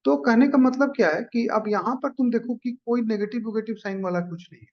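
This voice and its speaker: Guy teaching econ math, fairly high voice, keeps asking "clear?", muffled lo-fi sound. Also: fast talker. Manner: explains step by step, often asks "clear?" and "ठीक है". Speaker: economics teacher. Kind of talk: exam-prep math lecture. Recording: dull lo-fi recording.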